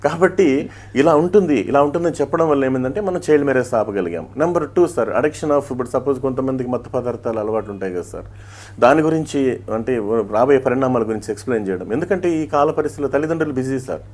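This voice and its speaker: A man's voice: medium pitch, lively intonation, quick pace, a little mellow. A middle-aged man with an Andhra Pradesh Telugu accent speaks as an interview guest, a police head constable who also does mimicry. He tells his points as stories, slips in proverbs and rhymes, and shifts his voice often to act them out.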